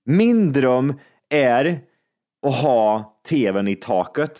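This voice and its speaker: A man in casual chat among friends, rambling and excitable, laughing often. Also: medium pitch.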